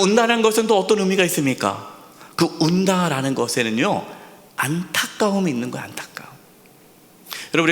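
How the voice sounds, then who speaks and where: A man preaching from the pulpit, his fairly high voice swinging widely between urgent questions and hushed, almost whispered key words. He repeats phrases for weight as long reverb from the sanctuary trails behind him. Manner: emphatic preaching with rhetorical questions and repetition; drops to a soft near-whisper on key words. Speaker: senior pastor. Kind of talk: sermon at a Friday prayer service. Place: church sanctuary.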